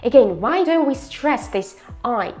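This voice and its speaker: Slow, careful woman pronunciation teacher. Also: fairly high pitch, lively intonation, a little mellow. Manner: models each word twice, then explains the mouth position.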